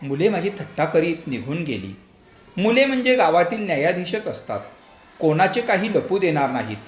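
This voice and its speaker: A man narrating a storybook aloud in an expressive, lively way. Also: on the high side, moderate pace. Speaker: story reader. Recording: echoey room, faint background hum.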